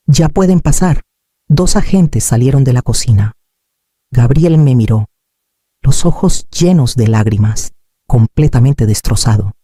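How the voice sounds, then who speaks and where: A man narrating a dramatic story in a slow, solemn, expressive way. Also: mid-range voice, husky, dry recording, studio quality.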